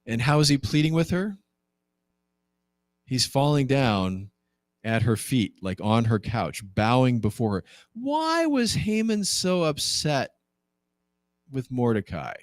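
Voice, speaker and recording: A man's voice: unhurried, dry recording. A man, a pastor leading a Bible class, retelling a story conversationally, asking the class rhetorical questions and acting out quoted lines. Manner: conversational and animated, acts out quoted lines with jumps in pitch.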